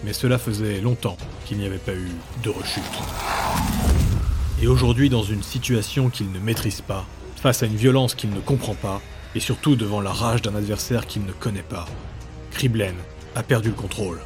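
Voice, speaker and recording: A man narrating a fantasy story in a measured, dramatic way. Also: fairly low pitch. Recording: background music.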